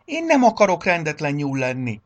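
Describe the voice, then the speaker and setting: A tiny spotted baby bunny, crying and stubborn, with a high, wobbly voice, as a male storyteller puts it on. The tearful storybook critter pleads through its sobs, and its pitch leaps all over. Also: wildly swooping pitch.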